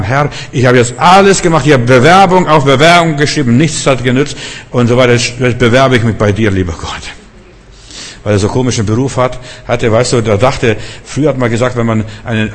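Emphatic preacher in an echoing hall. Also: male voice, fairly low pitch. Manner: emphatic, repetitive, rising to shouts. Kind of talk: sermon. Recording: long church-hall reverb.

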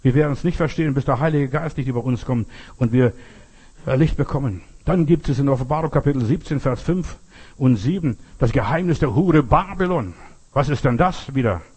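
A man's voice: mid-range voice, animated, a little fast, a little mellow, slightly rough. An older man preaching a sermon, telling folksy personal stories and asking rhetorical questions. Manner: folksy storytelling, rhetorical questions, repeats "verstehst du".

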